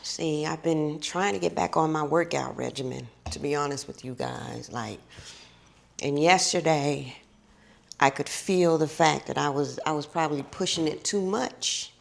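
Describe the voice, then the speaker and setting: A middle-aged woman chats with her vlog viewers in a drawn-out, casual way, calling them honey and baby. Her voice is low, unhurried and gravelly, sounding a little tired and scratchy.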